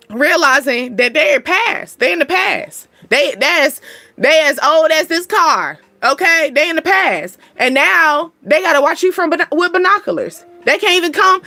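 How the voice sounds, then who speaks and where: Woman doing a card reading, high bright voice, slangy and blunt, laughs a lot, dry sound. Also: dry recording. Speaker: spiritual card reader and channel host. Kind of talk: casual card reading to viewers.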